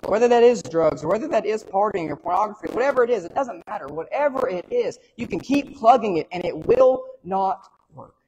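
A man preaches a sermon in an earnest, pleading way, often repeating his words. His voice sits high for a man. Faint noise hangs behind him in the church recording. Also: darkish tone, long reverb tail, lo-fi sound. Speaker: pastor.

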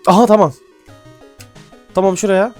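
A man giving casual gameplay commentary, excitable and swearing casually, then dropping to mumbling asides. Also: high voice, moderate pace. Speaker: gaming YouTuber. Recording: faint music behind.

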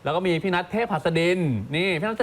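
A man co-hosting an entertainment news show, reacting with lively exclamations and polite particles. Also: high voice, fast.

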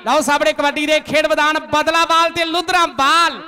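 A man commentates a kabaddi match. His voice sits extremely high with a forceful, bright edge. He declaims folk verse and repeats his phrases insistently. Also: level tone, moderate pace.

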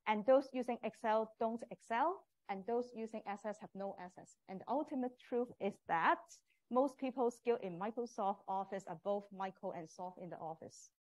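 A woman's voice: a little high, a little mellow. A woman with a Cantonese accent, a non-native English speaker with small grammar slips, gives a live presentation as a professor. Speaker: professor teaching a communication course. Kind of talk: live presentation to prospective students.

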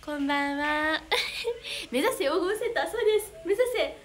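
Bubbly high-voiced young woman with Kansai accent. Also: expressive, normal speed. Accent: Kansai Japanese. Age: young adult. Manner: bubbly, giggly, flustered exclamations. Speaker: idol livestreamer reading fan comments. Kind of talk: casual livestream chat.

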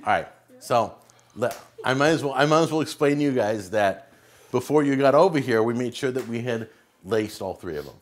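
A man's voice: medium pitch, expressive, a little fast, a little hiss or hum. A middle-aged man casually hosting a food challenge in a home kitchen, talking to the camera and guests. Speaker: host and cook of a hot wing challenge.

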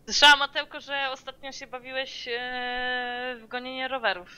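A woman's voice: sits high, little pitch movement, normal speed, sharp tone, clear, resonant tone, highs cut off. A woman moderating a stream, teasing and nagging the streamer with heavy swearing in casual bickering chat. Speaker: channel moderator.

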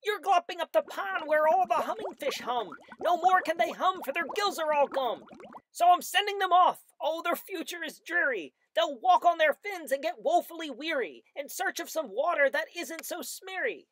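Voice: high-pitched, moderate pace, pushed and bright, a little hiss or hum, pitched above the performer's own voice. A reader voicing a small grumpy creature who guards the trees, scolding in rhyme and stopping to cough. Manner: scolding, rhyming, stops to cough. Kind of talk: storybook reading.

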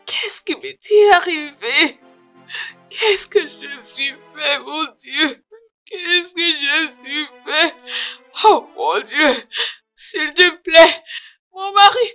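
A woman's voice: sits high, sharp tone, full character voice. A woman voicing a remorseful estranged wife in a French film dub, crying and pleading desperately for forgiveness.

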